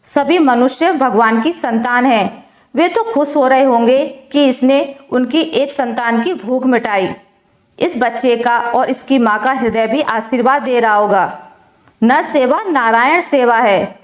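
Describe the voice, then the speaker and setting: A calm, wise old father-in-law, as a woman storyteller puts him on, gently lectures in a high, even voice. The recording carries a roomy echo. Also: a little slow, natural voice. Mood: calm advice.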